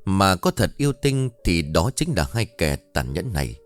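Low-voiced man narrating a story. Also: moderate pace. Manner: dramatic, lively storytelling.

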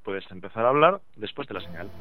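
A man's voice: lowish voice, sing-song, fast talker, very noisy. A male podcast host's recorded answering machine greeting, played back over a phone line. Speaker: podcast host. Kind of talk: brisk recorded voicemail greeting. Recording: tinny dry phone line.

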